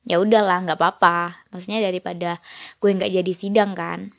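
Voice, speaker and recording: A woman's voice: lowish voice, level tone, normal speed, creaky, fairly bright tone, no room sound. Chatty young woman, dry close sound. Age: young adult. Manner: chatty, acts out quoted dialogue. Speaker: podcast host. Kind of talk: casual storytelling.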